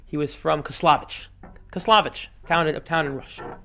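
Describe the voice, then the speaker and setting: A man teaching a class as a rabbi, reading passages aloud and explaining them in an animated way, with Hebrew and Yiddish terms mixed in. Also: a little high, moderate pace, vocal fry, slight background noise. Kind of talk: lecture on a text.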